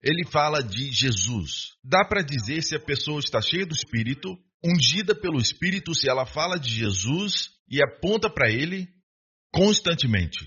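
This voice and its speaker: A male preacher delivers a sermon, asking rhetorical questions and calling for an amen. His voice sits a little high and sounds forceful and bright, with a husky edge. The recording is dull and lo-fi. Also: big pitch swings, normal speed.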